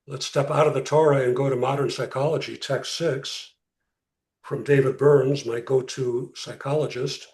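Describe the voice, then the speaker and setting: A man lectures as a rabbi to a class, heard from a distance in an echoey room. His mid-pitched voice moves deliberately, with pauses and rhetorical questions. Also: fairly even intonation, darkish tone. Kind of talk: interactive religious lecture.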